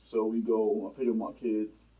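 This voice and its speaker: A man's voice: lowish voice, little pitch movement, moderate pace, recorded from a distance, muffled recording. A man talking in casual chat on a podcast, rambling and profane, with a filler phrase he keeps repeating. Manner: rambling, profane, keeps saying "you know what I mean".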